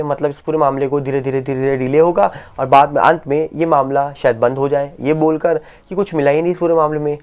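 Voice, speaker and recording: A woman giving rapid spoken news commentary on entertainment stories, full of rhetorical questions and emphatic repetition, on a close voice-over mic. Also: low voice, darkish tone.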